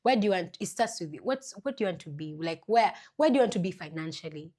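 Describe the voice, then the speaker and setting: A woman's voice: lowish voice, animated, fast talker, mellow. A woman with a Kenyan accent co-hosts a motivational podcast, speaking earnestly and urging listeners on, often repeating points and checking for agreement. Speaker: podcast co-host. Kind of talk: casual motivational podcast talk.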